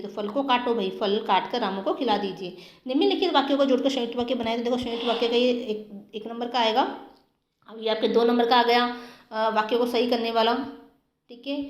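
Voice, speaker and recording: A woman teacher going through exam grammar questions, repeating the answers slowly for students. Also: on the high side, reverberant. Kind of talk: exam-prep grammar lesson.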